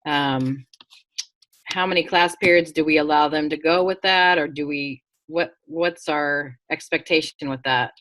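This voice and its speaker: A woman's voice: deep voice, measured pace, fairly bright tone. A woman instructor on a video call asking earnest, practical questions about classroom expectations.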